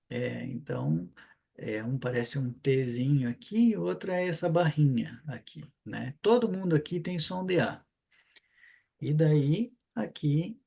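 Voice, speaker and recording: A chatty Brazilian man with a southern accent, leading a relaxed online class. His voice sits a little high for a man, and he keeps tossing in quick check-ins and rhetorical questions as he explains. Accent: Brazilian Portuguese, southern (Paraná). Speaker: Hebrew teacher. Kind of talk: casual online class lecture.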